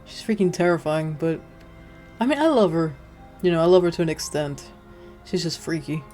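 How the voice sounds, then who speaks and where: A young woman hosts a gaming video over faint music. Her voice is fairly low and mellow, and she chats casually, talking back to the game in slang. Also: lively intonation, moderate pace. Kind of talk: casual let's-play commentary.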